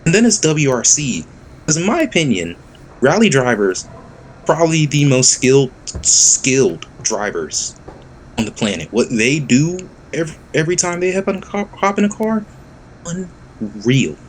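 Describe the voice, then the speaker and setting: A young man co-hosting a casual chat, excitable and quick to laugh, swearing freely and slipping into mock voices. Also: a little high, slight background noise. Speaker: podcast co-host.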